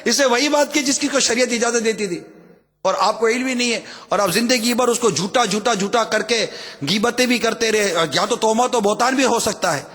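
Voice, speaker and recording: A man's voice: extremely high pitch, fairly bright tone. A man preaching a sermon, emphatic and repetitive, firing rhetorical questions at his listeners. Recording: hall with long reverb.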